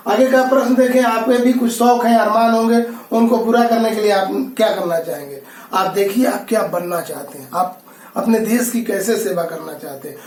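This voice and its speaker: High-voiced man teaching in echoey room. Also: a little mellow, far from the mic. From India. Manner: patient, explanatory, repeats phrases. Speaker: school teacher. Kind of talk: classroom lesson.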